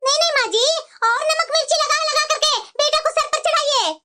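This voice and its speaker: A woman's voice: very high-pitched, brisk, bright, forceful tone. A woman voicing a stubborn, quarrelsome young daughter-in-law in a cartoon. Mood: angry. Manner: defiant, quarrelsome, talks back. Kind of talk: Hindi cartoon voice acting.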